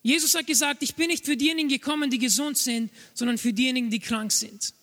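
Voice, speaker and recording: A man's voice: very high voice, fairly even intonation, fast talker, bright, forceful tone. A man preaching a sermon to a congregation, emphatic and repeating his key phrases. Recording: long hall reverb, faint music.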